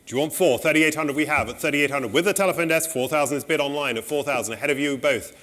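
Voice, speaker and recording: A middle-aged man working as an auctioneer, calling bids in a saleroom in a brisk, polite, repetitive way. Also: on the high side, a bit bright.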